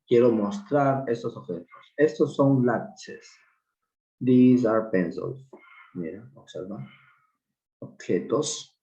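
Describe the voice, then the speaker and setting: A man teaching an online English class, explaining slowly and patiently with repeated examples. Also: low-pitched, dark tone, echoey room, highs cut off. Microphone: video call.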